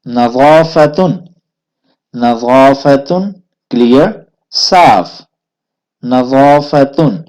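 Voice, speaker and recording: A man with a Pakistani Urdu accent leads a vocabulary lesson at a very slow pace. He repeats each word deliberately before he gives its meaning. His voice sits at a middle pitch. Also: a little mellow. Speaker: language teacher.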